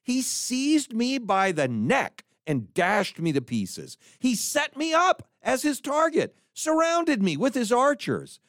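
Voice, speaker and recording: Animated preacher, lively high voice. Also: male voice, slow pace, hardly any pauses, no room sound, studio quality. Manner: animated, reads scripture aloud with emphasis. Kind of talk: sermon on scripture.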